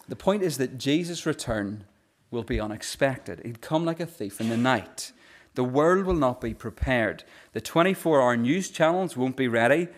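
Earnest in tone and mid-range in pitch, this pastor's sermon features frequent repetition of words at the start of phrases. When he turns to reading scripture aloud, he slows down.

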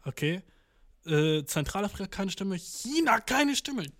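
A man's voice: sits high, very animated, unhurried, fairly bright tone. A young man reacting casually to news, slangy and full of swearing and English filler words. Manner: mock voices for countries.

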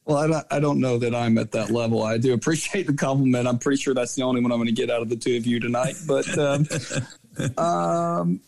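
Male guest, soccer coach, middle pitch, rambling and filler-heavy, casual interview chat. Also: a little fast, creaky, darkish tone. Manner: rambling anecdotes full of fillers and self-corrections.

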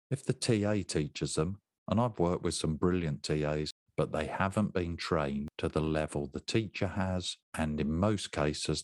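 A man's voice: low voice, no room sound, clean studio sound. A man in his sixties giving an instructional talk to teachers, emphatic and conversational, repeating his key points. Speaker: education trainer.

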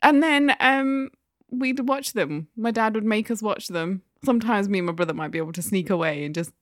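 A woman from Newcastle, co-hosting a podcast and telling animated stories in casual chat, often laughing. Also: medium pitch, brisk, no echo, clean studio sound. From Newcastle, England. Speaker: podcast co-host.

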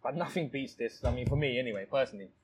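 A man's voice: mid-range voice, racing, slight background noise, low-quality recording. A man from Thailand who owns a restaurant, talking in a casual interview with many restarts and "you know"s. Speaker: restaurant owner. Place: his restaurant, indoors.

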